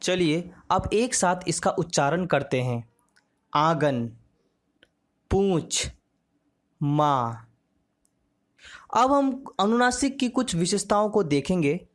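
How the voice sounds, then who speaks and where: Female teacher, lower pitch, very slow, careful lesson narration that stretches out each example word. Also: very animated. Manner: slow and measured, drawing out example words.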